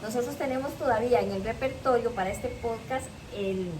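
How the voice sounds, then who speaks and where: High-voiced woman host. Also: darkish tone. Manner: halting, searching for words. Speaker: podcast host. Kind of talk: casual interview chat. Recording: distant mic with clear background noise.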